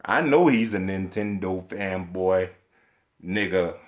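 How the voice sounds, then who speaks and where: Speaking slowly in a low voice, this video game commentator rants profanely in vlog style. He sounds emphatic and indignant, swears a lot, and stumbles over repeated fillers while searching for words.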